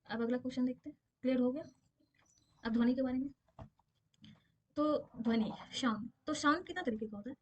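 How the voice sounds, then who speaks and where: A woman's voice: high voice, fairly quick, long pauses, darkish tone, breathy edge, dull audio. A woman physics teacher giving a casual exam-prep lesson, explaining with everyday examples and often checking that her students understand.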